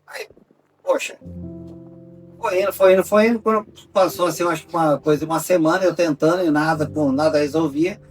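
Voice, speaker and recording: A middle-aged man from Brazil tells a personal testimony in casual conversation, acting out the dialogue and dropping to a hushed voice at dramatic moments. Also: quick pace, few pauses, recorded from a distance, faint music behind. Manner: animated storyteller, acts out dialogue with big pitch swings. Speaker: founder of a rescue project, telling his story.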